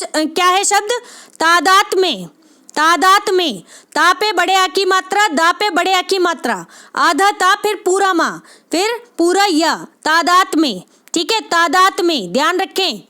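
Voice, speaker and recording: Woman tutor, very high voice, repeats answers, patient exam-prep teaching. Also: sharp tone. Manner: repeats answers, frequent "ठीक है" check-ins. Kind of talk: exam-prep lesson, repetitive explanation.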